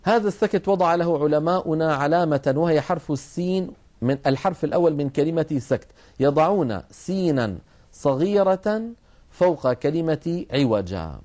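A man giving a broadcast lesson on Quranic recitation rules, explaining calmly and slowing down to demonstrate passages. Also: on the high side.

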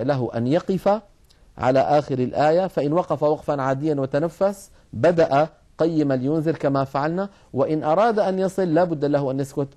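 A man giving a broadcast lesson on Quranic recitation rules, explaining calmly and slowing down to demonstrate passages. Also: fairly high pitch.

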